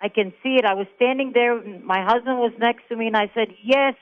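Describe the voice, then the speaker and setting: This caller is a woman from Israel whose fairly high voice moves fairly quickly down a tinny phone line. Being interviewed by phone on talk radio, she's a chatty, emphatic storyteller.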